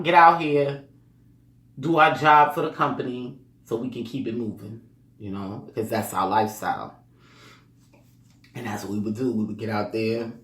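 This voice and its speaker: Rambling man, distant and roomy. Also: mid-range voice. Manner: rambling, with frequent "you know" and "um"; chuckles between points. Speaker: speaker sharing life advice. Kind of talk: casual motivational monologue. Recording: roomy echo, distant mic.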